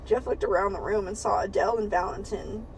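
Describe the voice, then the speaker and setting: A woman's voice: mid-range voice, steady tone, brisk, gravelly, a little hiss or hum, poor audio. A woman co-hosting a podcast, reading a book aloud for laughs, giggling often and swearing freely. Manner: giggly and profane, breaks into laughter while reading. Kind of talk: comedic read-aloud with banter.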